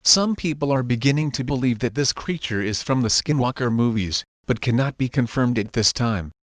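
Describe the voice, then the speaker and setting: A man with a medium-pitched, expressive voice reads a scripted news bulletin at normal speed, playing a broadcaster in an animated emergency-alert story and tossing in informal asides. The recording has no echo, with prominent music behind his voice.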